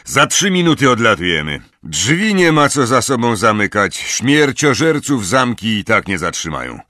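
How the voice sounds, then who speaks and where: A man voicing a gruff, scarred old male wizard warrior who barks orders in a raised, slow, growling voice. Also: mid-range voice, sing-song, pushed and bright, no echo, studio quality, voice pushed up. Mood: brisk orders. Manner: barking, commanding, growling.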